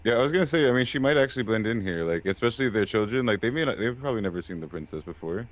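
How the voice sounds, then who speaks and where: A man's voice: on the low side, expressive, rapid-fire. Hesitant, stammering man at a game table. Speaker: player. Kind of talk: casual tabletop role-play.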